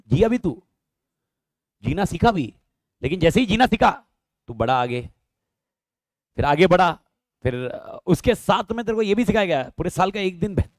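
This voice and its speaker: A man's voice: fairly high pitch, a little mellow, dry recording, studio quality. A man teaching law in a live online lecture, asking his students questions and answering them himself, mixing Hindi and English.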